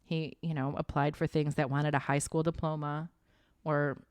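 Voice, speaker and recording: A woman in her forties with a notably low voice, co-hosting a podcast. She talks casually and recounts points in a plain, matter-of-fact way with an indignant edge. The sound is dry and close. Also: level tone, moderate pace, darkish tone, no echo. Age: 40s. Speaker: podcast co-host. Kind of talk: casual opinionated chat.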